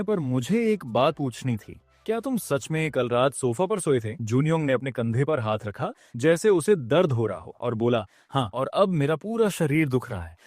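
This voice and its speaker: A man narrating a story recap, reading every character's lines with only slight pitch shifts. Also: darkish tone, no echo.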